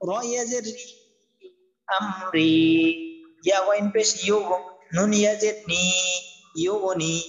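High-voiced man drilling letter spelling. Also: highs cut off. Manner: spells letters and vowels slowly in a drilled, repetitive chant. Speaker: Quran recitation teacher. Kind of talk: online tajweed lesson.

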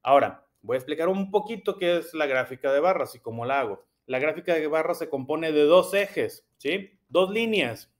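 A man's fairly high voice, teaching young pupils in a patient classroom manner. He goes over each point slowly and again, checking often that they follow. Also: lively intonation. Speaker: primary school teacher. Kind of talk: explanatory classroom lesson.

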